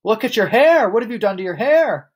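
A man's voice: a little high, sing-song, normal speed, voice pushed up. A man voicing a scornful middle-aged mother in a storybook, shrieking and scolding in exclamations. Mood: shrieking horror.

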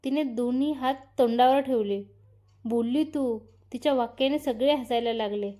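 Woman narrating a story, mellow high voice. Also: moderate pace. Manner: reads every part herself, naming each speaker after their line.

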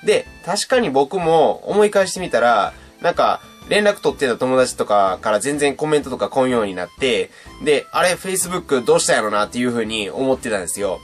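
A man's voice: medium pitch, a little fast, few pauses, faint music behind. A young man, chatting casually as he teaches beatboxing on his channel. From Japan. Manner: chatty and animated, demonstrating sounds. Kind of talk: casual video lesson.

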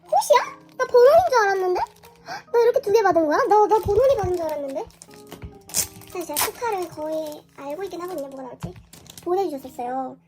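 Vlogger, female, voice-changed into a very high chipmunk pitch, hoarse underneath, gushy, music bed behind. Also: animated, fast talker, a little mellow. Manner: squeals and gushes often. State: hoarse from illness. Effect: pitch-raising voice changer. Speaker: album unboxing vlogger. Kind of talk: casual excited unboxing chat.

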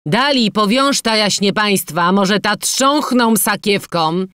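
A woman's voice: mid-range voice, animated, takes it slowly, smooth, no echo, studio quality, pitched above the performer's own voice. A woman doing a sneering farm overseer. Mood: mocking. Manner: loud, sneering, rustic speech. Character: mocking male farm overseer.

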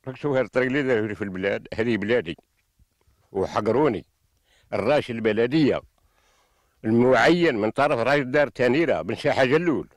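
An older man, a farmer with a western Algerian accent, gives impassioned, insistent testimony outdoors in open farmland, repeating himself in an aggrieved way. His voice is medium-pitched and he talks fast, pausing often, captured on a handheld reporter microphone with no echo.

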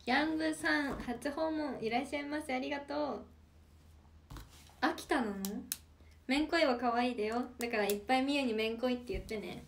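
A young woman of about nineteen, an idol livestreamer, chats casually in a high, brisk voice, reading out viewer comments and playfully teasing them back. A slight background noise is present.

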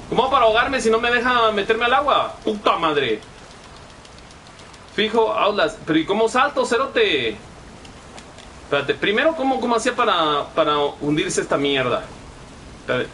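A man's voice: high voice, big pitch swings, moderate pace, bright, forceful tone, a little hiss or hum, poor audio. A young man with a Guatemalan Spanish accent giving profane, chatty live gameplay commentary and reading chat messages aloud. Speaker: gaming streamer.

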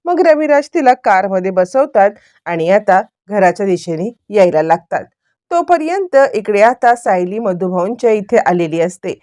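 A woman's voice: moderate pace, no echo, clean studio sound. A woman narrating a recap of a television serial episode, retelling the scenes as a story and lifting her voice when she acts out the characters' lines. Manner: animated retelling, raising her pitch for quoted dialogue.

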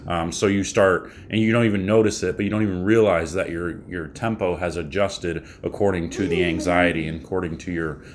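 A man in his thirties, a bowling coach, giving a casual tip to camera from a small room at home, talking in a relaxed, rambling way with fillers and restarts. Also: low-pitched, a little fast, few pauses, slight background noise.

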